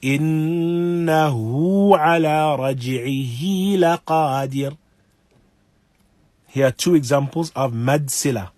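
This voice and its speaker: A man teaching recitation in a patient, explanatory way, pausing to recite short Arabic examples slowly. His voice sits a little high for a man. The sound is dry and close, with no room around it. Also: a little mellow, dry recording. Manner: patient, recites Quranic phrases slowly to demonstrate.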